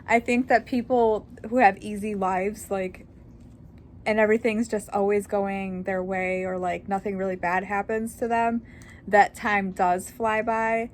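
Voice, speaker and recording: A woman's voice: mid-range voice, steady tone, measured pace, a little hiss or hum. A woman in her thirties, talking candidly in a casual personal vlog, rambling with lots of fillers. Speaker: vlogger.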